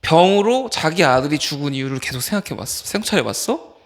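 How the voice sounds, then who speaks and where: With a voice a little on the high side and a fairly quick delivery, a man who serves as associate pastor gives an informal youth sermon. He animatedly shoots questions at the teens and calls on individuals by name.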